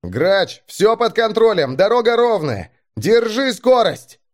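A man voicing a loyal male soldier shouting encouragement to his friend. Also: high voice, sing-song, slow pace, pitched above the performer's own voice, heavily acted. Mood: urging.

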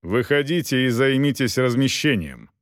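A man voicing a gruff knight who talks in a dry, unhurried, commanding way in an audiobook. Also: medium pitch, expressive, no room sound, lightly acted. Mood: mocking. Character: gruff, mocking knight, weary after a long ride.

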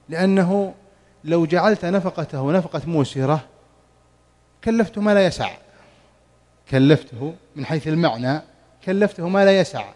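Male sheikh, mosque lesson, slightly high voice, slow chanted recitation of verses, quizzes the room. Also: a little mellow. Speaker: Quran commentary teacher. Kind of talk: mosque study-circle lesson.

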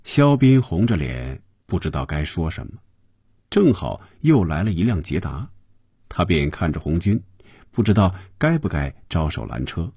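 A man narrating a serialized radio audiobook in an expressive storytelling manner. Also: deep voice, moderate pace, breathy edge, no room sound, studio quality.

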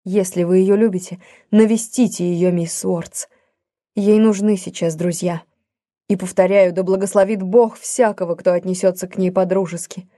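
A woman reading the part of a defiant young gentleman in an audiobook, speaking in a passionate, declamatory way. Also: on the low side, steady tone, moderate pace, no echo, clean studio sound, lightly acted.

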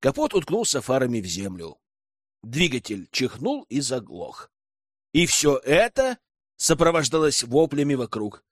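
A man narrating a fantasy audiobook in an expressive reading style. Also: mid-range voice, unhurried, no room sound.

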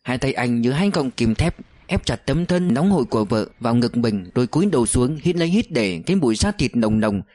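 A man narrating a novel as an audiobook, with steady storytelling delivery. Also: mid-range voice, no echo.

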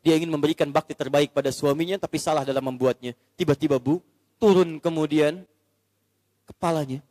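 High-voiced, animated male preacher. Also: brisk, no echo, in a large hall. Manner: animated storytelling, acts out the characters. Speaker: Islamic preacher. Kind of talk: sermon.

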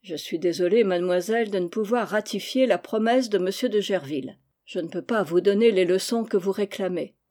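A woman reading aloud and voicing a young man, a tutor who grumbles and lectures in a measured way. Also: mid-range voice, warm tone, lightly acted. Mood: formal.

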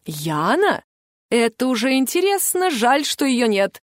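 Give me a woman playing an excitable, sarcastic male director, pitched high. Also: unhurried, no echo, clean studio sound.

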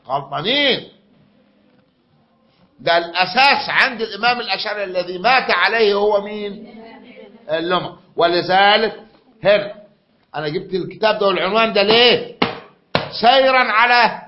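A man with an Egyptian accent giving a classroom lecture, often repeating himself and quizzing his students. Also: high voice. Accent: Egyptian Arabic. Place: lecture room. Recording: dull lo-fi recording.

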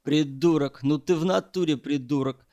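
A man's voice: a little high, slow. A man voicing a hot-tempered, crude tunnel digger who snarls insults. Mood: snarling.

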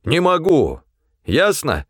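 A man's voice: sing-song, a little slow, no echo, studio quality. A man voicing an irritable, panicking male supply clerk who whines and complains. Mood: desperate. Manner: whiny, shrill, complaining.

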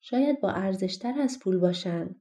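A woman voicing Jack, a carefree and hopeful young boy in a storybook, eager and quick to protest. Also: medium pitch, expressive, mellow, lightly acted. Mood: excited.

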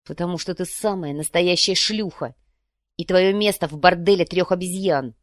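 Woman reading jealous angry husband, clipped and bitter, lowish dry voice. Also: moderate pace, no echo, lightly acted.

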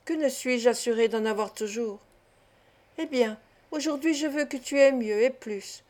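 A woman reading a lively, loving young Parisian woman. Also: a little high, a little slow, lightly acted. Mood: tender.

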